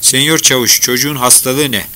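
A man voicing a kind-hearted grown man who speaks gently and reassuringly. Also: medium pitch, fairly quick, natural voice. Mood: gentle.

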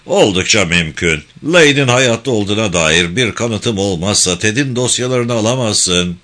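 A man's voice: fairly low pitch, lively intonation, normal speed, sharp tone. A man voicing a determined woman, a former judge, speaking firmly in a raised voice.

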